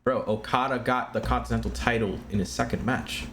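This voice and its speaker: A man's voice: mid-range voice, fairly quick, a little hiss or hum. A man, a pro wrestler guest, chatting casually and giving strong opinions on a podcast. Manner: opinionated, animated when mimicking others.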